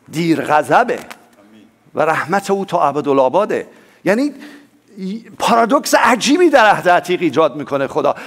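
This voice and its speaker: A man preaching a sermon as pastor, swinging between loud emphatic lines and soft low asides, and calling on the congregation to respond.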